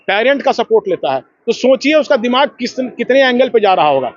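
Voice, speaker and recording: Guy, school head, preachy and earnest, highish voice, kinda muffled lo-fi news audio. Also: big pitch swings, brisk. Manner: earnest, emphatic, lecturing. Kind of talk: speaking to a news camera.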